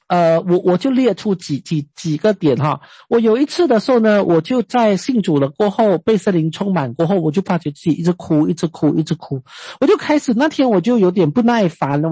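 A woman's voice: mid-range voice, warm tone, slightly rough, no room sound. A woman preacher giving a conversational sermon, chatty and hesitant, often putting questions to her listeners.

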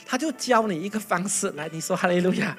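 A pastor giving a lively sermon full of acted stories, breaking into loud bursts. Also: medium pitch, quick pace, soft background music. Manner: animated, loud bursts, mimics chanting.

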